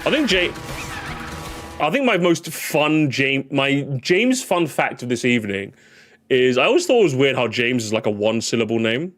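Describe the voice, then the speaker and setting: A man's voice: medium pitch, very animated, normal speed, fairly bright tone. A young man streaming in casual chat, rambling and joking with mock outrage at his chat. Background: music playing.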